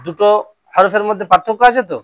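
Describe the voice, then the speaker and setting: A man's voice: sits high, fast, fairly bright tone, a little hiss or hum. A male Quran reading teacher drilling Arabic letter sounds and quizzing pupils in a classroom lesson.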